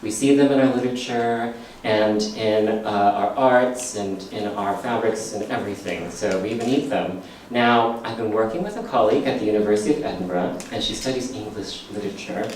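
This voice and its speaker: A man's voice: fairly low pitch, fairly quick, a little hiss or hum. A man hosting a live comedy science show with an audience, playful and laughing often. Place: theater stage. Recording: echoey theater from far off.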